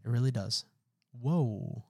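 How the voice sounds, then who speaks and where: A man's voice: medium pitch, slow pace, warm tone. A young man co-hosting a casual sports podcast, laid-back, dropping "bro" and agreeing with "mm-hmm". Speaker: podcast co-host.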